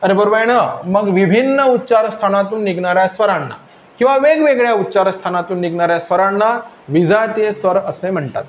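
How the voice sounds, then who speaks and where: A man's voice: sits high, reverberant, muffled recording, a little hiss or hum. A man with a Vidarbha Marathi accent teaching a grammar lesson, repeating points and quizzing his students again and again. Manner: repetitive, keeps quizzing students with questions.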